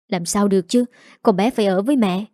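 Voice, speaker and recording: A woman's voice: mid-range voice, brisk, dark tone, no room sound, clean studio sound, close to an everyday voice. Woman doing a nagging older mother-in-law. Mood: curious. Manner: nagging, bossy.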